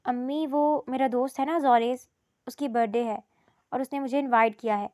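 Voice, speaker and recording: A woman voicing a gentle young daughter who coaxes and pleads softly in a storybook reading. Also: sits high, fairly even intonation, no echo, studio quality, lightly acted. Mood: pleading.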